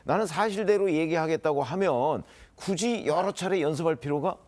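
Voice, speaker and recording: A man speaks as a panelist on a political discussion show and disagrees with the previous speaker. He sounds skeptical and challenging as he argues. His voice sits a little high for a man. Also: normal speed, a little mellow.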